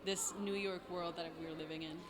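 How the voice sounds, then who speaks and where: A young woman composer from Argentina, answering interview questions in a relaxed way and often saying "like". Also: on the low side, normal speed. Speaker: composer and singer. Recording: noisy background.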